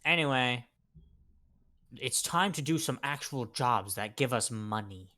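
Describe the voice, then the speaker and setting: A man's voice: mid-range voice, expressive, a little slow, pushed and bright. A man chatting casually and jokingly with friends during a tabletop role-playing game, bantering and swearing freely. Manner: profane, bantering. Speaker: tabletop role-play player.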